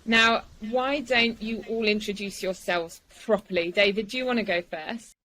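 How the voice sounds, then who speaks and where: A woman's voice: medium pitch, normal speed, sharp tone, a little hiss or hum, rough recording. A woman hosting a podcast, welcoming and interviewing guests. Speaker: podcast host.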